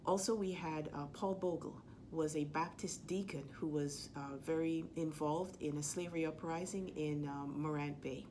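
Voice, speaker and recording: A woman from Jamaica with a Jamaican accent, telling a personal history story in an earnest, measured way with the odd filler. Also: low voice, fairly even intonation, a little mellow, a little hiss or hum. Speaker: sport leadership speaker.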